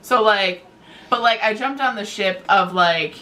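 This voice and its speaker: A woman with a medium-pitched voice chats informally as co-host of a book review. She speaks in a halting way and often repeats words. The recording has some background noise. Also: pushed and bright. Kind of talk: casual book chat.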